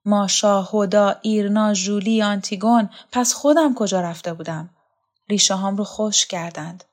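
A woman voicing a lonely, haunted former actress, weary and bitter, in a quiet confessional storybook reading. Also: medium pitch, lightly acted. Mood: brooding.

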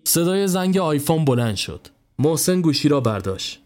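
A man narrating a scripted horror story in a measured, even storytelling voice. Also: fairly high pitch.

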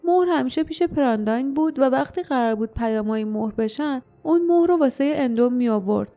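A woman voicing a gruff, wounded older male warrior in a storybook reading, explaining wearily. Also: medium pitch, steady tone, dark tone, soft background music, close to an everyday voice. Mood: weary. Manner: explaining, tired.

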